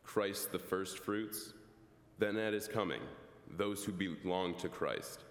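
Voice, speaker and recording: A man reading scripture aloud at Mass in a slow, measured way. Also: deep voice. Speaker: lector. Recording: echoey church hall.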